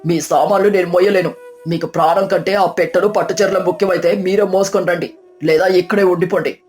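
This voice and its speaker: A woman's voice: medium pitch, fairly even intonation, brisk, warm tone, faint music behind, lightly acted. Woman voicing a firm, earnest village man.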